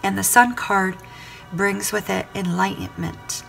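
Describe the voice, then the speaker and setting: With a medium-pitched, slightly bright voice, a woman delivers her weekly tarot reading a little slowly. She speaks straight to the viewer according to star sign, often revisiting what she's already said, while music plays clearly in the background.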